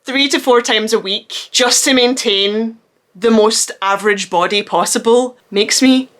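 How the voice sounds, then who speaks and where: Female comic ranter: grumbling, sweary, sardonic and hyperbolic, with a bright, slightly high voice. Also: a little slow. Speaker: solo video host. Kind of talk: comedic grumbling rant to camera.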